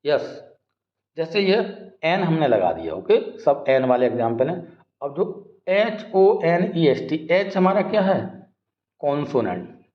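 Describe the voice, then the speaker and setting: A man gives a grammar lesson at a slow, deliberate pace, repeating key words. His voice sits a little high for a man. It comes through a dull, lo-fi recording in an echoey room. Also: sing-song. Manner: explains step by step, often asks questions back and repeats words. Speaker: English grammar teacher. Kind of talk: classroom-style grammar lesson.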